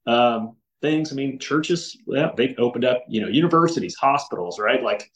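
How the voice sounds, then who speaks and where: A man's voice: mid-range voice, moderate pace, a bit bright, poor audio. A man as a podcast guest, talking earnestly in casual conversation with frequent restarts and filler words.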